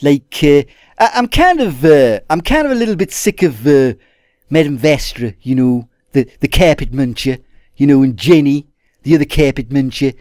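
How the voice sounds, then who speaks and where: A man's voice: on the high side, expressive, moderate pace, darkish tone, no echo, clean studio sound. A man giving a casual spoken review to his viewers. He hesitates and restarts often and calls them "guys". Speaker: TV episode reviewer. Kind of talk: casual video review monologue.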